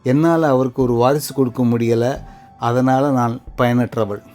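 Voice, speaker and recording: A man narrating a heartbreaking first-person story in a scripted style. His voice is dark and mellow, and he speaks in slow, sorrowful, measured phrases. Soft music plays faintly behind him. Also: medium pitch, steady tone.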